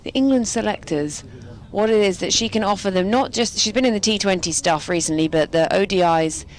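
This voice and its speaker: A woman's voice: mid-range voice, fairly quick. A woman co-commentating on a cricket match from a commentary box, giving chatty analysis of the players with light jokes. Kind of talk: sports colour commentary. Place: commentary box at a quiet ground.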